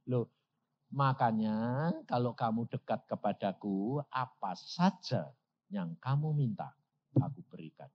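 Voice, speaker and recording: An older man preaching, telling a story and acting out the dialogue with sudden loud, high jumps. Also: expressive, slow pace. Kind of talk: storytelling sermon. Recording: dull lo-fi sermon recording.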